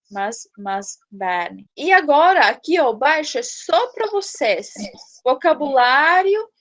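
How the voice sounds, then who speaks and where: A woman with a high voice teaches a language lesson at an unhurried pace. She pronounces each word slowly and carefully, and keeps checking that her students follow. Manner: slow, careful word-by-word pronunciation; explains patiently, checks with "né?".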